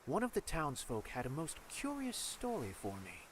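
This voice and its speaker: A wry, composed cleric turned detective for a video game. His voice sits a little high and moves freely up and down, measured and theatrical, with faint noise behind it. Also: huge pitch swings. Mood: musing, grave. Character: sly, composed male cleric turned investigator. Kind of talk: scripted video game voice acting.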